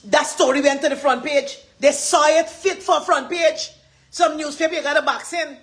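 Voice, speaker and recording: A woman's voice: high-pitched, fairly even intonation, moderate pace. A woman with a Guyanese accent gives an impassioned, rambling live address as a community advocate, repeating her points with emphasis.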